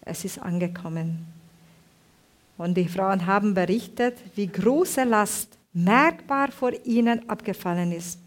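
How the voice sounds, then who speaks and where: Lady giving a sermon, keeps stopping to find words, lots of restarts. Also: medium pitch. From Hungary. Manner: halting, searching for words, many restarts. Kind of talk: sermon with personal testimony.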